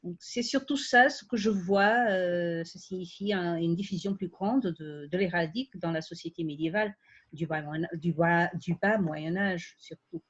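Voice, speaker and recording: A woman's voice: on the low side, normal speed, slightly rough, muffled recording. A woman who is not a native French speaker, with a foreign accent in French, speaking unscripted at an academic round table and often restarting as she searches for words.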